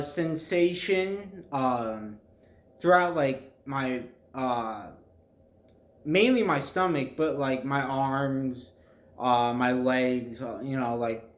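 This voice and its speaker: A young man chatting casually to viewers in a halting, rambling way, often groping for words. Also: mid-range voice. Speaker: vlogger telling a personal story. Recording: echoey, reverberant room.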